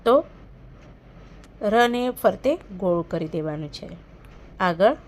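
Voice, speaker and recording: A woman teacher reading a picture-book lesson aloud to young children, pausing to ask them questions and explain. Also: mid-range voice, a little hiss or hum. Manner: expressive, asks children questions.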